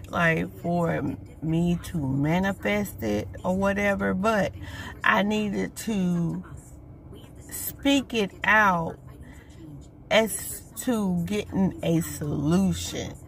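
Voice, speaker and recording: A woman's voice: medium pitch, gravelly, a little hiss or hum. A woman sharing her daily thoughts in a casual, rambling video diary, earnest and encouraging, with lots of fillers. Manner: rambling and unhurried, many fillers. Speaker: vlogger. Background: radio playing in the background.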